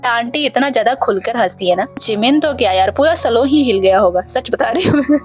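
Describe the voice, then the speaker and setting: Woman, gossipy clip recap, slightly high voice, exclamatory, soft music underneath. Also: animated, a little fast. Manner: gossipy and exclamatory, often says "yaar" and "seriously". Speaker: video explainer narrating a clip. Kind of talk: casual chatty retelling.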